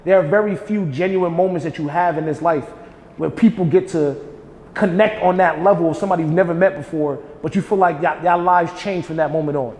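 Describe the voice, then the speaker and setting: Guy hosting a poetry podcast, high voice, slangy laid-back storytelling, lots of room reverb. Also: brisk, a little mellow. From Jamaica. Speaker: podcast host, spoken word poet. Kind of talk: casual conversation.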